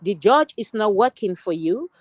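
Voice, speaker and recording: A woman's voice: mid-range voice, moderate pace, no echo, poor audio. Woman from cameroon talking earnestly, lots of restarts, dry close sound. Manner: earnest, steady, with frequent restarts. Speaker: guest social worker. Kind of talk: online panel talk.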